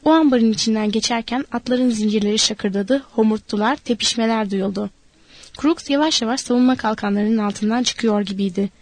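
A woman narrating a novel in a measured, expressive reading. Her voice is fairly high and the sound is dry and close. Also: dry recording.

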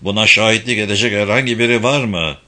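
A man's voice: lowish voice, fast. A man playing a serious female police officer. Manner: serious, steady questioning.

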